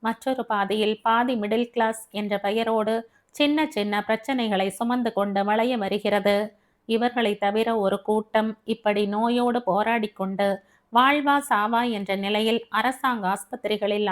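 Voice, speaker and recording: A woman narrating an audio novel in a steady, measured storytelling manner. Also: mid-range voice. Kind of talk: scripted narration.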